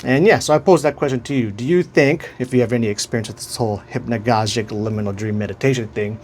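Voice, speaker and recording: A man with a Hawaiian accent talks casually to his viewers as the host of his own channel. His voice sits at an ordinary middle pitch. He rambles and restarts as he searches for the right words. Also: quick pace, darkish tone, slight background noise. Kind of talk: casual vlog talk.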